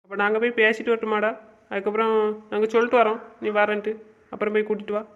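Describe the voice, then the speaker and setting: A man's voice: sits high, completely flat delivery, fast. A young man playing a pushy young man who coaxes and nags his friend to go and make up. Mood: urging. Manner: coaxing, nagging. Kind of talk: amateur web drama acting. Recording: dull lo-fi recording.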